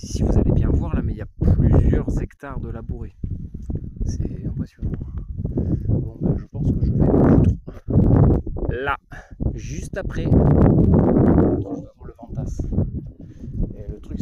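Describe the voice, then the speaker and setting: A man's voice: mid-range voice, dull audio. A man with a southern French accent, chatting casually and swearing freely as he vlogs while hiking through open fields at dusk. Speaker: survival vlogger hiking and camping. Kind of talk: casual outdoor vlog. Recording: loud wind noise outdoors.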